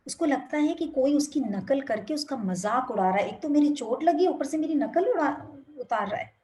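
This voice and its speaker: Brief: a woman spiritual speaker on a video call, telling a parable with gentle moral asides. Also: sits high, animated, normal speed, slight background noise. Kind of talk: storytelling talk.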